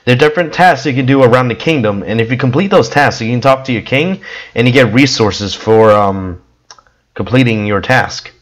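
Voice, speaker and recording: A man giving casual gameplay commentary with a hoarse, worn voice, coughing now and then and rambling with many fillers. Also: mid-range voice, normal speed, low-quality recording. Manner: rambling, with frequent ums and restarts. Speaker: gameplay video creator.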